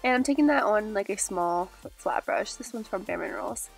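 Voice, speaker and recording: Congested and nasal from a cold, this young woman chats casually and cheerfully through each step of her makeup tutorial as a beauty vlogger. Her mid-range voice is expressive, a little fast and touched with vocal fry, over faint background music and poor audio. The setting is a small indoor room with a glitter backdrop.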